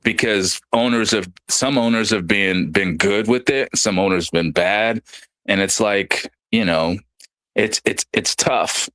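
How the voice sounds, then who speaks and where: A man with a lowish voice hosts a casual podcast, talking loosely with plenty of fillers and restarts. The sound is dry and close, with no room around it. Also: a little slow, pushed and bright, no room sound. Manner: rambling, reads listener comments aloud. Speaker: podcast host. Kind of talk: casual chat.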